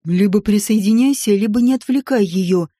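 A woman voicing a commanding, domineering male king in an audiobook, speaking low and curt. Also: normal speed, dark tone, no echo, studio quality, close to an everyday voice. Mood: stern.

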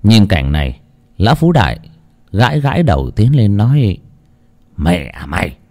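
A man narrating a dark folk story in a dramatic, animated way. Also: fairly low pitch, moderate pace.

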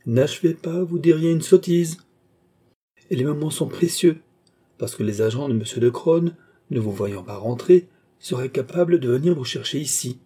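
A man's voice: a little high, lively intonation, normal speed, warm tone, breathy edge, voice pushed up. A man voicing a suave, mysterious nobleman who talks in a teasing, insistent, emphatic way in an audiobook. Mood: teasing, urgent. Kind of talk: audiobook character reading.

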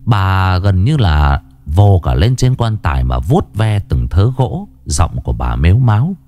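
A man narrating a ghost story in an expressive, dramatic way. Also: unhurried. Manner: expressive, swinging pitch. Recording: narration over background music.

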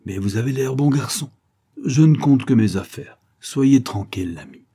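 A man's voice: mid-range voice, expressive, moderate pace, dark tone, husky, voice pushed up. A man voicing a cunning young man who poses as a servant and speaks in a sly, insinuating way, in an audiobook.

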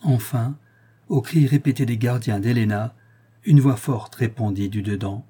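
Husky, mellow male audiobook narrator. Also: medium pitch, a little slow. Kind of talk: literary audiobook reading.

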